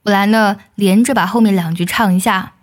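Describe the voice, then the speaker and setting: Woman explaining english song lyrics, sings lines slow to show linking, mid pitch. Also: fairly even intonation. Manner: explains lyrics patiently with filler "呢", sings lines slowly to demonstrate. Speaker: English pronunciation teacher.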